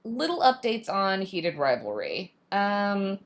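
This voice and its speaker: A woman co-hosting a casual craft and gossip stream, gushing and animated as she chats. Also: mid-range voice, takes it slowly. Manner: animated, gushing fan talk with laughs. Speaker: podcast co-host. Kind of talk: casual chat while crafting.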